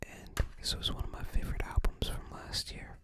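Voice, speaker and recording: An ASMR video creator whispers softly and breathily, presenting items show-and-tell style at an unhurried, halting pace.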